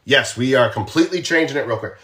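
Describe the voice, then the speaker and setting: A former police officer with a Boston accent runs a true crime livestream, talking casually to viewers, often asking them questions and repeating himself. His medium-pitched voice is expressive and a bit bright, and he talks fast.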